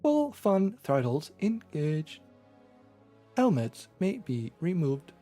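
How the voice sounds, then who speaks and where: A man's voice: fairly high pitch, big pitch swings, slow pace, dark tone, soft background music, pitched above the performer's own voice, exaggerated voice. A man acting as game master voices a tinny, metallic machine announcer on a door, in a stiff, clipped delivery. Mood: announcing.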